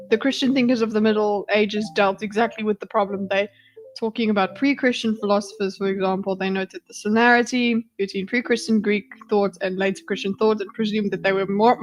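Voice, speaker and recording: A woman's voice: medium pitch, fairly even intonation, fairly quick. A woman hosting a livestream, reacting to a debate clip with blunt, exasperated, pleading asides and some swearing. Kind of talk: casual reaction commentary.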